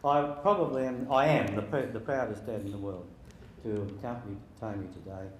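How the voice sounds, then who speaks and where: A man in his sixties giving an informal wedding speech as father of the bride, halting and jokey with sentimental touches. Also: on the low side. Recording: very echoey room with faint background noise.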